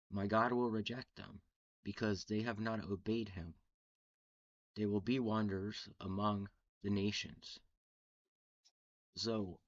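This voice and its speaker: A man who hosts a Bible reading channel reads scripture aloud and explains it while suffering from a cold, his lowish voice congested. He halts, restarts words often and keeps clearing his throat. The recording has no room sound and the highs are cut off.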